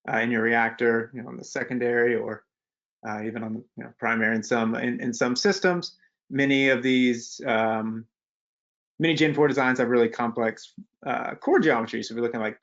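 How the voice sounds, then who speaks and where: A young man walks through a technical presentation in a loose, conversational way, full of fillers and restarts. His voice sits at a middling pitch, and the video-call audio sounds muffled and dull. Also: a bit bright. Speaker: webinar presenter, postdoctoral researcher.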